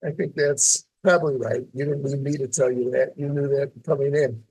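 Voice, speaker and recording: An older man talks as an interview guest, thinking aloud and circling back through restarts. His voice is gravelly and a bit husky, sitting at an average pitch. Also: steady tone, moderate pace, a little mellow, rough recording. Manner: reflective, with many restarts and fillers. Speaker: guest columnist. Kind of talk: casual interview talk.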